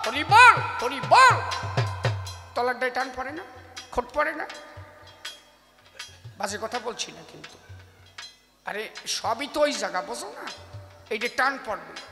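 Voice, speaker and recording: A man with a preaches in a high, animated voice, breaking into chants and shouts as a devotional folk poet. He is heard over a live stage microphone in an echoey space with a long reverb tail. Music plays clearly behind him. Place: live stage at a religious fair.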